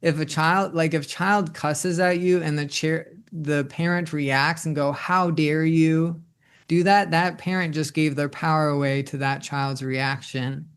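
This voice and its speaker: A man's voice: on the high side, level tone, measured pace, few pauses, a bit bright, smooth. A man in his twenties speaking reflectively in a personal monologue, rambling with many restarts and filler words. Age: 20s. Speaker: host.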